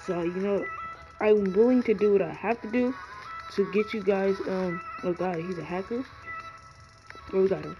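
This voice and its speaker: Man, earnest gameplay commentary, rambling, shivering from the cold, cold garage, dull lo-fi recording, loud background music. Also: high voice, moderate pace, pauses often. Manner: rambling and earnest, full of ums and likes. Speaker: gaming YouTuber.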